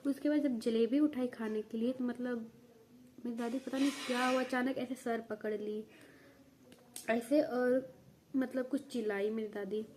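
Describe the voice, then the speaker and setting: A woman's voice: fairly high pitch, fairly even intonation, measured pace, darkish tone, a little hiss or hum. A young woman vlogger tells viewers a family story at home, rambling with restarts and coughing now and then. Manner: rambling, many restarts and fillers, talks straight to viewers. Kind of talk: casual vlog storytelling.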